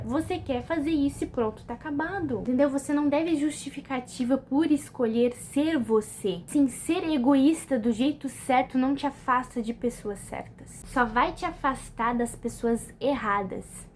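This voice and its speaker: A woman's voice: on the high side, a little mellow, slight background noise. A woman with a Brazilian Portuguese accent giving motivational self-care advice to camera in a casual, conversational way, often checking in with the listener. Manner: conversational, repeats "entendeu?" often, restarts. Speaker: personal development vlogger.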